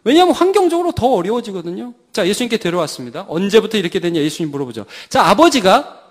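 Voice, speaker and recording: Male preacher, high-pitched, emphatic Sunday sermon delivered to a church congregation, full of rhetorical questions. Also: sing-song, fast talker. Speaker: pastor. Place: church sanctuary.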